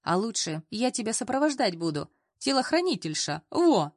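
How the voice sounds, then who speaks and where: A woman's voice: a little high, big pitch swings, normal speed, dry recording, clean studio sound. Woman doing a cheeky, teasing old cleaning lady. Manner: folksy, teasing. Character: older female cleaner, cheeky and mocking.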